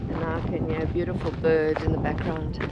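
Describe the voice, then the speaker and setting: High voiced guy chatting slow and hesitant on a hike, super windy noisy audio. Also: completely flat delivery, lo-fi sound. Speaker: vlog co-host. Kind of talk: casual chat while hiking. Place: outdoors on a walking trail. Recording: very noisy, windy outdoor recording. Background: loud wind and outdoor noise.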